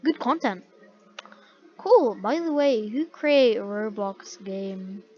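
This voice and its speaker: Young woman reacting to comments, slow and lo-fi. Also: medium pitch, expressive. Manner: laughs and reacts with repeated disbelieving "what?". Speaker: YouTuber reading comments. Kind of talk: casual commentary reading comments aloud. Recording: dull lo-fi mic, faint background hiss.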